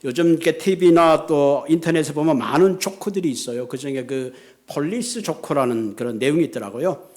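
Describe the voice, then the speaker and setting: A man's voice: a little high, a little fast, darkish tone. A man, a pastor, preaching a sermon in an earnest, emphatic way.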